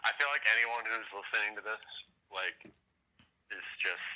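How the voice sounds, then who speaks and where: A man's voice: lowish voice, moderate pace, pushed and bright, a little hiss or hum, rough recording. A man calling in as the host's friend on a late-night chat, laid-back and profane, heard through a phone held up to a microphone. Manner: laid-back, swearing, laughing often. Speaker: podcast guest, host's friend.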